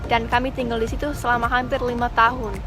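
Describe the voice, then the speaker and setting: Here she talks quickly in a slightly high voice with an even tone. She's an English-speaking vlogger from Texas, chatting offhandedly to the camera with small fillers while music plays behind her.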